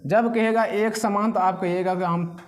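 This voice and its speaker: A man's voice: high-pitched, fairly even intonation, normal speed. A man teaching a physics class, who keeps asking the students questions and then answers them himself.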